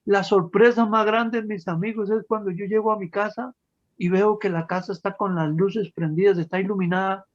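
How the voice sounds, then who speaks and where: A man tells his life story to a gathered audience. He speaks with feeling and often turns to his listeners as friends. His voice sits high, and the recording sounds dull and lo-fi. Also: fairly even intonation, normal speed. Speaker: testimony speaker. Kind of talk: personal testimony to an audience.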